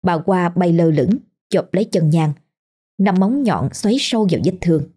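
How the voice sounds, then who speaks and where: A woman narrating a horror story in a slow, hushed, ominous manner. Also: on the low side, animated, husky. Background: faint music.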